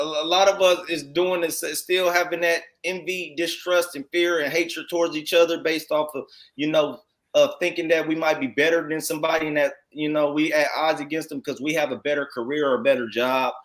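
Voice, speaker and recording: An American man with a fairly high-pitched, fairly bright voice teaches scripture informally, commenting on read text for his congregation. Speaking a little fast in a steady tone, he exhorts listeners emphatically, circles back over his phrases and keeps checking in with tag questions.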